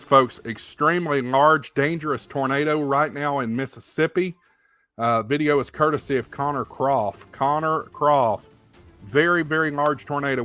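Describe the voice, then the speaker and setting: A man's voice: on the high side, fairly bright tone. A man hosting a livestream, giving live storm-tracking commentary in an urgent, emphatic, repetitive manner. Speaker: livestream host.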